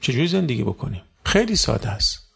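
A man delivers a sermon to a gathered congregation, his voice gravelly and of middling pitch. He leans on rhetorical questions and swings from hushed asides to sudden loud, high bursts. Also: big pitch swings. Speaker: preacher. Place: religious gathering with audience.

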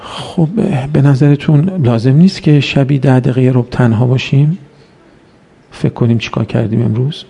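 A man's voice: mid-range voice, creaky, dark tone, breathy edge. A man preaching a religious sermon, exhorting his listeners with rhetorical questions and reciting Arabic verses in a chanted tone.

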